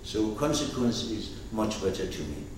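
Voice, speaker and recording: A teacher with an Arabic accent explains terms to his class, rambling off on digressions and tossing questions out to the room. His voice is on the low side and sing-song at a normal speed, recorded roomy and far from the mic with slight background noise.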